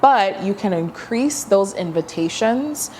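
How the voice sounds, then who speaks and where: A young woman coaching in a breezy, casual way, now and then acting out quoted voices in a higher pitch. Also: expressive, slow, darkish tone, a little hiss or hum. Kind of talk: casual teaching monologue.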